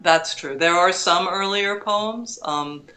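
A woman's voice: lowish voice, takes it slowly, bright, forceful tone. A woman poet and teacher speaking as a guest, reading and talking about poetry. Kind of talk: poetry reading and interview talk.

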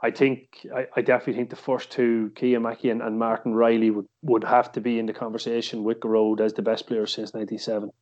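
An Irish man hosts a sports podcast in a mid-pitched voice. He talks casually and haltingly, doubling back on words, and the recording is a little dull. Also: level tone, a little mellow. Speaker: podcast host. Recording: slightly dull, muffled podcast audio.

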